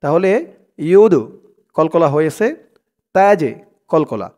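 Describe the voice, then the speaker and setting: A man teaching Quran reading, chanting verses slowly syllable by syllable and then explaining pronunciation rules plainly. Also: on the high side, a little mellow. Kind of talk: slow recitation lesson, syllable by syllable.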